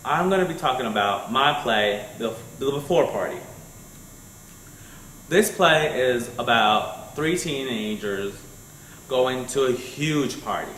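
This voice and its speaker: A teenage boy, a student, gives a class presentation in a halting way, restarting and repeating phrases. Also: medium pitch, expressive, fairly bright tone. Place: school room. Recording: echoey room with faint mains hum.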